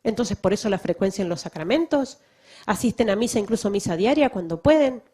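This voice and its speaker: A woman's voice: mid-range voice, animated, fairly quick, mellow, breathy edge. A woman missionary giving a testimony to a church audience, emphatic and full of rhetorical questions. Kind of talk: public talk to a church audience.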